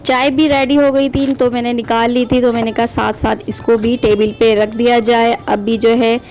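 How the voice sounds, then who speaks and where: A woman in her thirties narrating her family vlog in a calm, even voice-over. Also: fairly high pitch, moderate pace. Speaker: family vlogger and mother. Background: soft background music.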